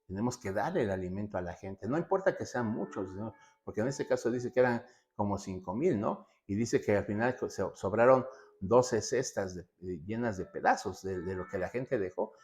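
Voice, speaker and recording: A man's voice: lowish voice, animated, moderate pace, a little mellow. A man preaching a sermon, asking rhetorical questions and repeating phrases for emphasis. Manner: asks himself rhetorical questions and answers them.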